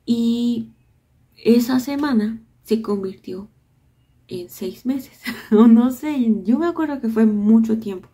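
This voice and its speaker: A woman, casually telling childhood memories in a soft voice that often sinks to a near whisper. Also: a little high, slow pace, husky. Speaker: vlogger.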